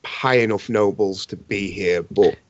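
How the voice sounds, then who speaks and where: A man's voice: lowish voice, steady tone, unhurried, no echo. A man player in a tabletop game, thinking through the options aloud. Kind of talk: tabletop role-play chat. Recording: dull, dry lo-fi mic.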